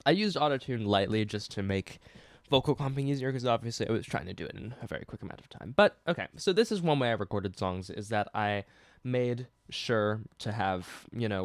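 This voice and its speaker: A man's voice: fairly low pitch, dry recording. Man, musician, talks through his own song, chatty and scattered, plays snippets, dry close sound. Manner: rambling, self-interrupting, laughs at himself; stops and restarts to play keyboard and guitar. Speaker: singer-songwriter. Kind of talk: casual song breakdown.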